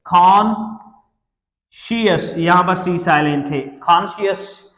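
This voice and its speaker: A man's voice: fairly high pitch, steady tone. Man teaching in an echoey room. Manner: repeats words slowly, spelling letters aloud. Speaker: English teacher. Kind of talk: classroom lecture. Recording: echoey room with long reverb.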